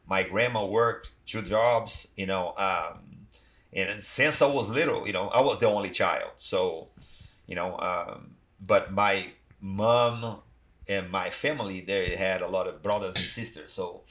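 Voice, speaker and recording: A man from Brazil with a Brazilian accent chats loosely as a podcast guest. His voice sits low, and he wanders through his points with constant "you know" and "like". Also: fairly bright tone. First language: Portuguese. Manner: rambling, many "you know, like" fillers. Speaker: guest, athletic trainer. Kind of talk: casual podcast interview.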